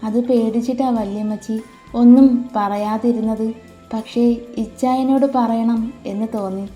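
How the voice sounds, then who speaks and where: A woman reads a shy, lovestruck young woman in a storybook, coaxing and soft. Her voice is mellow and a little high. Faint music plays in an echoey room. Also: fairly even intonation, a little slow, lightly acted. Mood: pleading.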